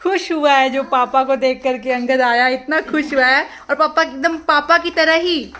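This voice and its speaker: A woman's voice: high-pitched, fairly even intonation, normal speed, pushed and bright, a little hiss or hum. A young mother chatting casually in a home vlog, switching into playful baby talk with her toddler. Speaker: vlogger and mother. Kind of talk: casual family vlog chat. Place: home indoors.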